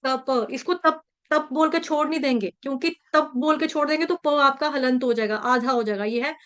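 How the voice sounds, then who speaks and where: A woman with a high voice leads an online class over a video call and teaches how to pronounce a verse. She is patient and breaks words into syllables, saying each one several times. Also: a bit bright. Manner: patient, repeats syllables slowly to drill pronunciation. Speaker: Sanskrit verse recitation teacher.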